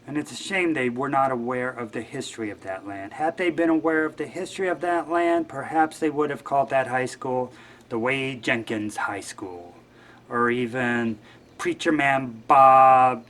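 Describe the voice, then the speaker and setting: A man's voice: medium pitch, measured pace, fairly bright tone, a little hiss or hum. A man guest-hosting a show, talking in a rambling, wry and offhand way. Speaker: guest host. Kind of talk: casual monologue.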